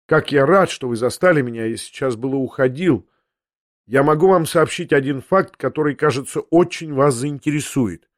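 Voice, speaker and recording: A cheerful, sincere young man speaks earnestly and with animation, read by a man. The voice sits at a middle pitch and sounds dry and close, like a storybook read aloud. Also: normal speed, dry recording, close to an everyday voice. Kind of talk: audiobook character reading.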